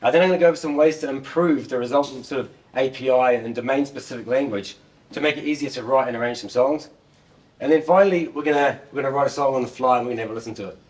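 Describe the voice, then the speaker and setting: A middle-aged New Zealander gives a casual tech talk, joking at his own expense and often repeating words, with a medium-pitched, darkish voice at a quick pace. He's a software developer standing at a laptop next to a screen in an indoor meeting room. A distant room microphone picks him up.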